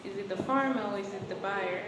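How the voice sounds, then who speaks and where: A woman's voice: medium pitch, fast. A young woman from Rwanda, a guest in an interview, answering thoughtfully with many fillers and restarts. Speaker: guest, coffee quality controller and roaster. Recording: echoey room with loud background noise.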